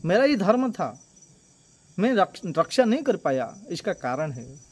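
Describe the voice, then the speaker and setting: Man playing old grandsire, devotional story, grave, paternal, measured, lower and softer. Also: sing-song, slightly rough, full character voice. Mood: remorseful. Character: aged grandsire, old male sage, remorseful.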